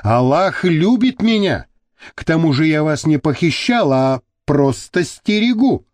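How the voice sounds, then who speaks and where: A man's voice: fairly high pitch, big pitch swings, unhurried, a little mellow, no room sound. A man reading the part of a pious, self-pitying Chechen kidnapper guard who wails and pleads. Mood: pleading.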